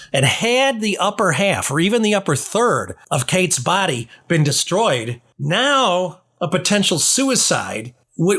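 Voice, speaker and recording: A male podcast host with a voice pitched a little above average comments on a court case. He argues point by point in a skeptical way, often posing rhetorical questions to knock down claims. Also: fairly bright tone. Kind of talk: true-crime podcast commentary on a trial.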